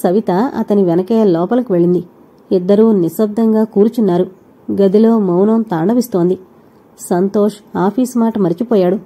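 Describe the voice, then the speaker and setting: A woman narrating an audio novel in a steady, even storytelling manner. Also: medium pitch, moderate pace, breathy edge.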